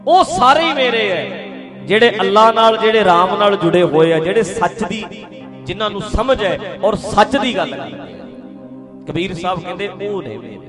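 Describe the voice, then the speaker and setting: A man giving a sermon in a storytelling way, now loud and now soft. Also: sits high. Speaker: preacher. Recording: music behind the voice.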